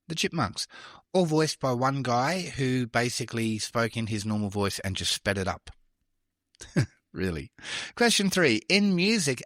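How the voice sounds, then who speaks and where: A man's voice: mid-range voice, a bit bright, dry recording, clean studio sound. A man hosting a trivia podcast, reading questions with chatty, self-deprecating asides. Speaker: quiz podcast host.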